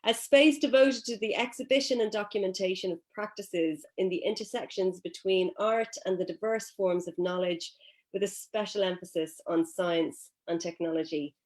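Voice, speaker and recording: A woman's voice: medium pitch, normal speed. Effusive woman moderator. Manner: effusive, apologetic about pronunciation. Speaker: panel moderator. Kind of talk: introducing a speaker.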